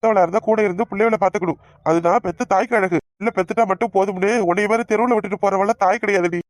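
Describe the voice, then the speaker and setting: An angry young village husband, voiced by a woman with a Kanyakumari Tamil accent, brushing off his wife with quick threats. The voice sits mid-pitch and is recorded close and dry, like a cartoon comedy dub. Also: steady tone, no echo, lightly acted. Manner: angry, dismissive, shouting threats.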